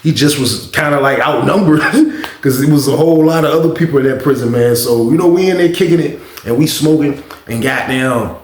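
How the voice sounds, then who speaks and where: A man's voice: mid-range voice, brisk, roomy sound. Rambling man telling a story. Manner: rambling, frequent filler phrases. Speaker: vlogger. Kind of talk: casual storytelling.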